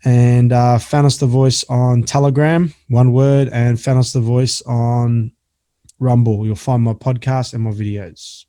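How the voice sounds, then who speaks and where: Kiwi guy, relaxed mellow voice, just chatting as a guest. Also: medium pitch, unhurried. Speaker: podcast guest. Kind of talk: casual chat.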